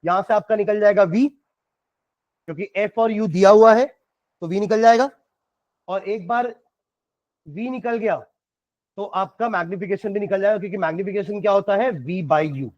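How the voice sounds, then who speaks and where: High-voiced Indian science teacher quizzing students. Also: male voice, moderate pace, pauses often, darkish tone, no echo, dull audio. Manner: explains step by step, quizzing students. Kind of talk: classroom lecture solving problems.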